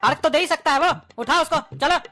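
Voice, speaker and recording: A woman's voice: high voice, fast talker, natural voice. A woman playing a strict, threatening father in a comedy skit, with a bossy, scolding manner. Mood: stern. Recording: background music under voice.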